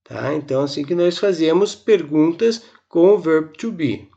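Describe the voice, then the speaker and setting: A man teaching a recorded grammar lesson, slowly explaining step by step and drilling examples, from Brazil. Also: fairly high pitch, lively intonation, gravelly, mellow, dull audio. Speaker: English teacher.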